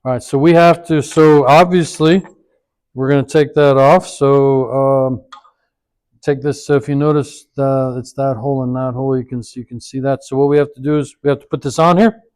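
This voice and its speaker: Man, workshop trainer, hands-on demo, rambling, thinking aloud, average pitch, moves off mic. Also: steady tone, normal speed, darkish tone, clean tone. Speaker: equipment trainer. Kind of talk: hands-on demonstration.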